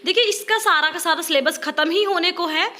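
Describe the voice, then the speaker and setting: A woman's voice: very high-pitched, a little fast, sharp tone. A young woman giving a chatty online lesson, mixing in English and often saying "see" and "okay". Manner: chatty, repeats "dekhiye" and "theek hai". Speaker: online teacher for teacher-training exam. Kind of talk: casual Hindi-English lecture.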